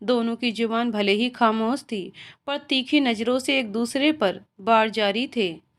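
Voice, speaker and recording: A woman reading a scripted story aloud as its narrator, in an even, expressive way. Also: a little high, a little slow.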